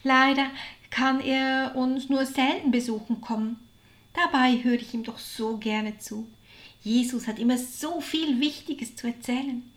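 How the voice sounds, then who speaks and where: A woman voicing Maria, a gentle, devout village woman, speaking softly in a storybook reading. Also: sits high, a little slow. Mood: tender. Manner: soft, wondering.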